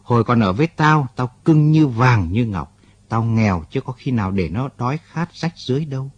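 A man's voice: medium pitch, lively intonation, normal speed, slightly rough, highs cut off. A man voicing an agitated middle-aged man telling a painful story. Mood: upset. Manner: upset, pours out his story.

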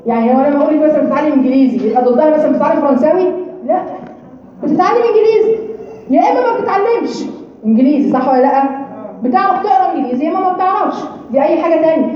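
Woman teacher, Egyptian accent, high voice, quick, patient checking questions, dull lo-fi sound. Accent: Egyptian Arabic. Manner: explains patiently, keeps checking understanding, demonstrates letter sounds. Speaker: Quran recitation teacher. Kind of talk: informal lesson explanation. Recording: echoey, distant, dull room recording.

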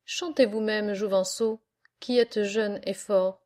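A kindly old seafaring man speaks with quiet pride, slow and unhurried in his telling, as a woman reads him. His voice stays soft and mellow, an elder recalling old battles in a storybook. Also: sits high, fairly even intonation. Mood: gentle. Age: older. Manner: storytelling, proud. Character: kindly old male sailor and singer. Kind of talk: audiobook character reading.

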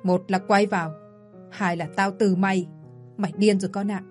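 A woman's voice: medium pitch, fairly even intonation, moderate pace, darkish tone, soft background music, lightly acted. A woman voicing a stern, unforgiving middle-aged mother who scolds coldly, in a spoken audio story. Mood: harsh. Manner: scolding, cold.

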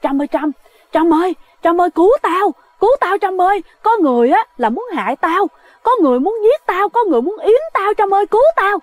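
A woman's voice: very high-pitched, expressive, brisk, no room sound, voice pushed up. A woman voicing a frantic young woman who begs her friend for help, repeating the friend's name. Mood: panicked pleading.

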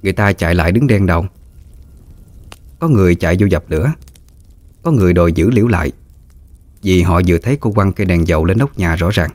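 Low-voiced storyteller man. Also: animated, fast, long pauses, darkish tone, dry recording. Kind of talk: ghost story narration.

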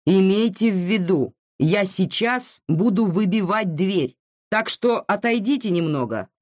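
Reader doing a steady stubborn doctor guy, firm, dry close sound. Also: medium pitch, a little slow, no echo, voice pushed up, close to an everyday voice.

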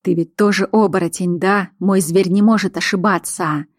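A woman voicing a calm, controlling male alpha werewolf in an audiobook, speaking low and measured. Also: dry recording, clean studio sound, close to an everyday voice. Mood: controlled.

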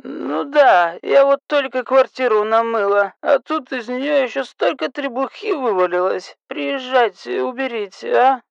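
Man putting on a shrill drunk woman caller. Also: a little slow, gravelly, hardly any pauses, no room sound, dull audio, full character voice. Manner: slurred, shrill, bossy and flirty. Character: drunk, hiccuping, rude middle-aged woman caller.

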